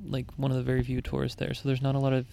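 A man's voice: medium pitch, monotone, rapid-fire, gravelly, dark tone, a little hiss or hum. A young man chatting casually about travels, easygoing and explanatory, with frequent fillers.

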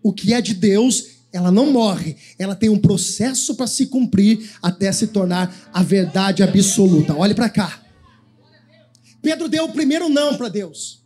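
A man's voice: sits high, expressive, measured pace, dark tone. A man preaching a sermon as pastor, giving the congregation commands to repeat after him. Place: church.

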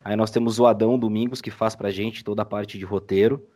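A Brazilian man with a Brazilian accent talks casually as a podcast guest, explaining his work as an audiodrama editor. His voice is fairly low and mellow, with fairly even intonation and a brisk pace. The conversation is a relaxed, explanatory interview chat.

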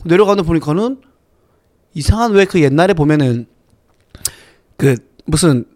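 Animated man telling a story, lively pitch. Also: normal speed. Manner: animated storyteller with sound effects and voiced quotes. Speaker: podcast host. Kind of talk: casual chat, retelling a film plot.

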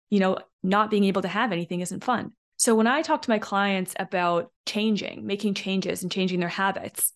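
A woman hosting a solo podcast as a coach, talking in a chatty, animated way and acting out short quoted lines. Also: medium pitch.

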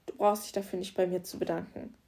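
A woman's voice: fairly low pitch, level tone, fast, vocal fry, warm tone. A woman voicing a determined, caring male police officer who speaks firmly and reassuringly in an audiobook. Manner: firm, commanding, reassuring.

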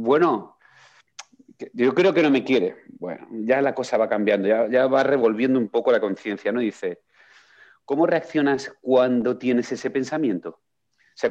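A man in casual conversation, recounting a book and acting out its questions with lively energy. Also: mid-range voice. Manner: animated storyteller, acts out quoted questions. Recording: dull lo-fi sound.

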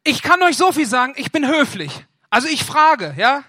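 A young man gives a playful sermon, acting out both sides of a phone call with a friend. His voice is bright and forward. The sound is close and dry, with hardly any room around it. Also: very high voice, normal speed, no room sound. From northern Germany. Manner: animated storytelling, acts out phone dialogue with a friend. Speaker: preacher. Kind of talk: humorous sermon.

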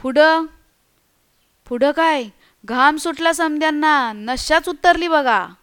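A woman voicing a frightened village man who tells a ghost tale in hushed, stammering, earthy speech, as part of a storybook reading. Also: sits high, takes it slowly. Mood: spooked.

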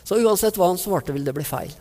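A man's voice: high voice, lively intonation, mellow. A man preaching a sermon, retelling stories vividly and acting out the people in them. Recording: long reverb of a large hall.

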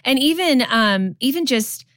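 A woman's voice: sits high, lively intonation, measured pace, fairly bright tone, no room sound, studio quality. A woman co-hosting a podcast on marriage, chatting casually and giving affirming, faith-based encouragement. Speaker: podcast co-host.

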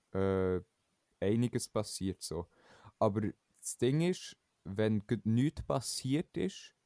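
A young man speaks in a very low voice. He talks casually and a little hesitantly as a podcast co-host. The sound is dry and close. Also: vocal fry, mellow, no echo. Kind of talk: casual chat.

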